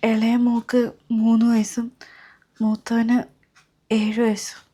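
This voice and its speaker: A woman acting as a young runaway wife weighed down by guilt in a family web drama. She falters and restarts, her voice hushed and lowered. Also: completely flat delivery. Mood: hesitant. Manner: halting, hesitant, faltering speech.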